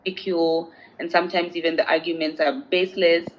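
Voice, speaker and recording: A woman's voice: on the low side, flat delivery, fast, slight background noise. Earnest Zambian woman, lo-fi sound. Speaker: interviewee, feminist advocate. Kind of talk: interview answers. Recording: dull lo-fi sound.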